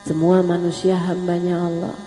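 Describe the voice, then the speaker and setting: A woman's voice: on the low side, monotone, moderate pace, dark tone, faint music behind. A woman preacher giving a sermon, telling stories in a casual, humorous, colloquial way. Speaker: preacher (ustazah). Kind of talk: sermon to a religious gathering. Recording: long hall reverb with faint mains hum.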